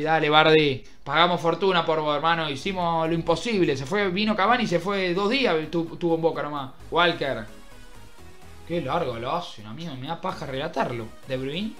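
Excitable Argentine man calling a football game. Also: high-pitched. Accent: Argentine Spanish. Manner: swings between shouted play-by-play and muttered grumbling. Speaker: gaming youtuber. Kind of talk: mock football commentary over a video game.

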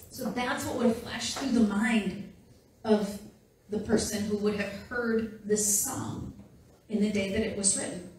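A woman's voice: fairly high pitch, a little mellow, a little hiss or hum. A woman pastor delivering a conversational sermon to her congregation, speaking directly and playfully to the listeners. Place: church sanctuary. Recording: very echoey, distant church hall recording.

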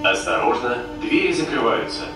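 A man making formal, measured recorded stop announcements over a train intercom. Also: mid-range voice, big pitch swings, music in the background. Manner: measured and precise. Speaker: metro announcer. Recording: echoey distant loudspeaker in a train car.

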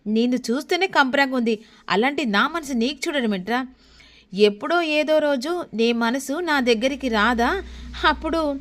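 Brief: scornful young woman, dismissive sneer, high-ish voice, put on by a woman narrator. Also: fairly bright tone.

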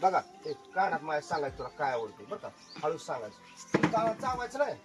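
A middle-aged magician works an outdoor farm crowd. His voice sits high for a man, and he is a joking showman who keeps calling for loud applause. Clear music plays behind him. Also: big pitch swings, a little fast. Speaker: magician performing for a tour group. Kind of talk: lively stage patter with crowd banter. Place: outdoors at an agro-tourism farm.

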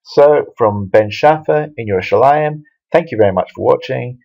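A man's voice: medium pitch, normal speed, vocal fry, a little mellow, lo-fi sound. A man teaching Hebrew letters from a Bible verse in a video lesson, explaining patiently with fillers and restarts. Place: Jerusalem.

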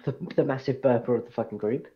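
A man's voice: mid-range voice, fairly even intonation, fast, lo-fi sound. A man, swearing and teasing friends in casual gaming chat. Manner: crude, teasing, swears a lot.

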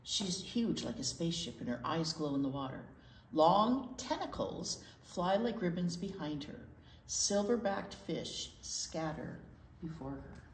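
Speaking at a measured pace with a fairly low, very animated voice, a woman in her sixties hosts a casual children's storytime and read-aloud. She's expressive and repeats key words with emphasis, in a library children's room. Slight echo and faint noise mark the recording.

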